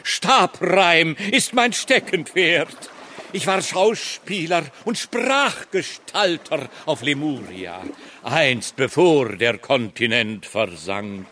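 A hammy, slow-declaiming stage-actor hermit. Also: male voice, a little high, sing-song, sharp tone, slight background noise, heavily acted. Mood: grandly declaiming. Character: theatrical castaway hermit poet, former actor from a sunken continent. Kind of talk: comic audio drama acting.

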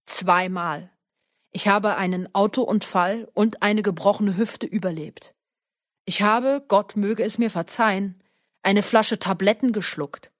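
A woman reading the part of a stiff, weary old man in an audiobook, speaking slowly and solemnly. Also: mid-range voice, no room sound, studio quality, natural voice.

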